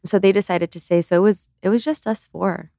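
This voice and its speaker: A woman's voice: medium pitch, a little fast, vocal fry, warm tone, dry recording, clean studio sound. A woman in her twenties, born in Cuba, talking casually and earnestly as an interview guest, with lots of fillers and restarts. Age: 20s. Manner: chatty, earnest, frequent "like" and restarts. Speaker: guest, beauty creator.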